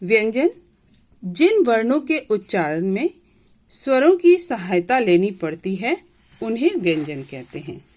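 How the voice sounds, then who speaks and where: A woman's voice: fairly high pitch, very animated, a little slow, darkish tone. A woman teacher explaining a grade-school grammar lesson patiently, repeating points and asking the class questions.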